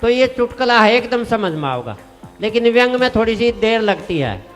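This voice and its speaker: A high-pitched man with a Haryanvi accent recites comic verse in a folksy, chatty way. His voice rings with the long reverb of a live stage, and faint music sits beneath it. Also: sing-song, normal speed. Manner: folksy, chatty with the audience, rhyming punchlines. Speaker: comic poet. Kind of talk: stage comedy poetry recitation.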